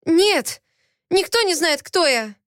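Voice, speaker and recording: A woman's voice: very high-pitched, expressive, slow pace, no echo, clean studio sound, voice pushed up, heavily acted. A woman voicing a flustered, defiant young female ship mechanic in an audiobook, speaking in a raised, indignant voice. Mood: pleading.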